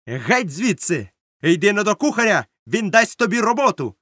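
A man's voice: a little high, very animated, a little fast, no room sound, studio quality, pitched above the performer's own voice. A man voicing a strict, stern male ship captain who gives curt orders in a raised voice. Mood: angry. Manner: curt, commanding, barks orders.

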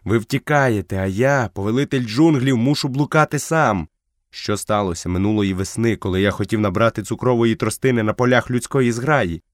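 A man's voice: on the low side, normal speed, no echo, studio quality, natural voice. A man voicing a moody, proud young jungle boy in an audiobook, speaking in a petulant, insistent way. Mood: sulky. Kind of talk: audiobook character voice.

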